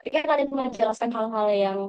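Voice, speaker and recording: A woman's voice: a little high, fast, clean tone, no room sound, lo-fi sound. A woman mentoring scholarship applicants in an online lesson, speaking encouragingly to the audience with frequent fillers and self-corrections.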